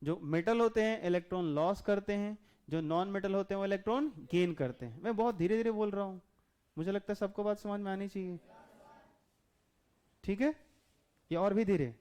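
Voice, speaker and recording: A male teacher leads a chemistry lesson in a high, clear, resonant voice. He is patient, keeps checking whether the class follows, and stretches out each item when he reads a list aloud. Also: a little mellow. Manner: patient, repeats questions to the class; drawn-out enumerating of names.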